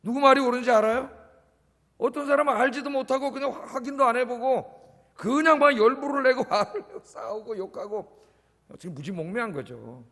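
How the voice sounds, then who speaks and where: A male pastor with a very high-pitched, slightly bright voice talks fairly quickly, delivering a conversational sermon at a church service and often prompting the congregation with short questions. The recording has the echo of a church hall.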